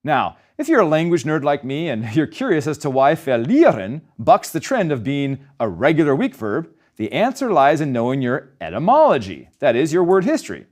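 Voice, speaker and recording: A man with a fairly high voice that swings widely up and down as he narrates a scripted German grammar lesson. He explains each rule step by step and slows down to sound out the German example words. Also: huge pitch swings. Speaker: German language teacher.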